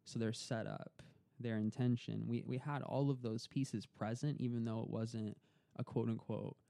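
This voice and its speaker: Speaking at a moderate pace with fairly even intonation, a young man shares his story as a podcast guest in a casual interview. His mid-range voice is creaky and dark, and there's no echo. He's earnest and reflective, repeating words as he gathers his thoughts.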